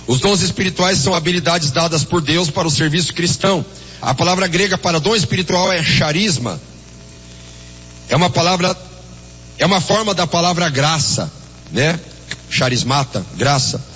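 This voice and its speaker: A man's voice: on the high side, animated, normal speed, fairly bright tone, husky, big-room sound, dull audio. A Brazilian man with a Brazilian Portuguese accent preaching a sermon as pastor, with fervent exclamations and a story told through quoted dialogue.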